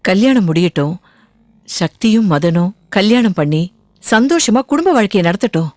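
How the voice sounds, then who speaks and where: An actress playing a gentle older aunt who speaks calmly and firmly about her niece in a TV serial. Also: medium pitch, no room sound, close to an everyday voice. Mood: measured. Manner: calm and measured. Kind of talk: TV serial acting. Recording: TV soundtrack with music underneath.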